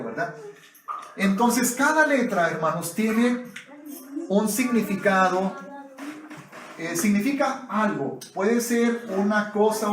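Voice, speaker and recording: Slow-speaking preacher man in an echoey hall. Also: sits high. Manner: addresses the congregation as brothers, asks for agreement often. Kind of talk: sermon.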